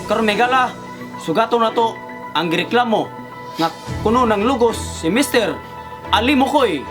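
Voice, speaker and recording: A man playing a show host in a comedy skit, coaxing and calming both sides with laughs. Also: high voice, normal speed. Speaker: mock radio host mediating a complaint. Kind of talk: comedy sketch acting. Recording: music playing behind.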